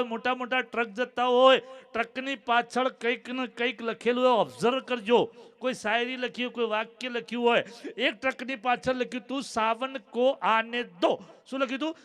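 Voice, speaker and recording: A man's voice: very high-pitched, a bit bright, clear, resonant tone. A man doing stand-up jokes at a late-night folk stage show, chatty and acting out both sides of each joke's dialogue. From Gujarat. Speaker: comedian.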